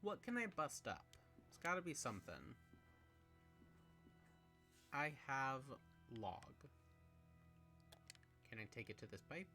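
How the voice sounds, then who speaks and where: A man plays through a horror adventure game, mumbling his puzzle ideas and reading notes aloud. His mid-range voice leaps up sharply when something startles him, and soft music plays behind him. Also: takes it slowly, long pauses. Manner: musing aloud, jumping to excited high exclamations. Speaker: game streamer. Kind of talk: let's play commentary.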